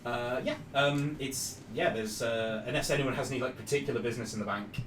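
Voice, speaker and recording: A man's voice: mid-range voice, a little fast. A man improvising as game master in a tabletop game, phrasing things hesitantly and piece by piece. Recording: echoey room, distant mic, clear noise.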